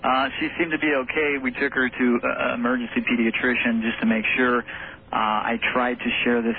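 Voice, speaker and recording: Even-toned male caller on tinny phone. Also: medium pitch, a little fast. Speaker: caller to radio show. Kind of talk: recounting personal story on air. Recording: tinny, noisy telephone line.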